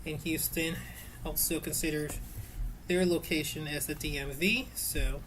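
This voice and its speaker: A woman's voice: low voice, fairly even intonation, unhurried, background noise. A woman casually teaching an easy sewing project at home, chatty and rambling, with many fillers and self-corrections.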